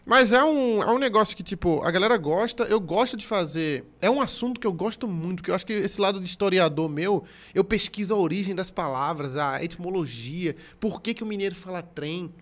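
A man's voice: sits high, expressive, fairly quick, few pauses, fairly bright tone. A man, a comedian chatting casually on a podcast, rambling with many restarts and jokes.

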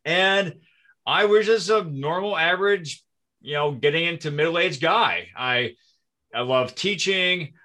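Podcast guest: man, forties, from Minnesota, friendly self-deprecating storyteller, sharp bright voice. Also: a little high, a little slow. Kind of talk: casual conversation.

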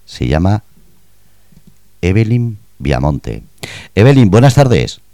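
Deep-voiced radio host man. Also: sing-song, slow, warm tone, no echo, studio quality. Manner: playful, probing questions. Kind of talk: radio interview.

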